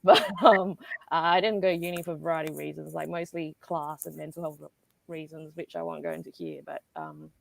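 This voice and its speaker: Guest writer, woman from Singapore: deep, heavy vocal fry, loose and filler-heavy delivery, dead dry sound. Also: expressive, fairly quick, no echo. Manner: casual, many fillers, trailing asides. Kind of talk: conversational panel interview.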